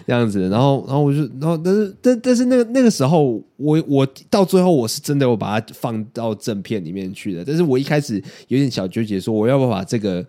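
A man's voice: mid-range voice, big pitch swings, fast, hardly any pauses, mellow. A man, hosting a casual podcast and explaining his views thoughtfully with many hesitant restarts. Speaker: podcast host and editor. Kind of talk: casual chat.

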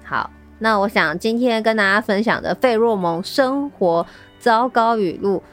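A woman's voice: fairly high pitch, measured pace, soft background music. A woman with a Taiwanese Mandarin accent chatting casually as a co-host of a book show. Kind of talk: casual chat about books.

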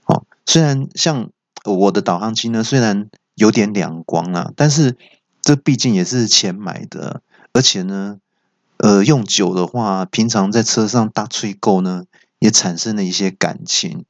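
A man with a Taiwanese Mandarin accent telling comic stories in a chatty monologue, stumbling and restarting with excited outbursts. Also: on the low side, a little slow, no room sound. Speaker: stand-up comedian. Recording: slightly dull, dry recording.

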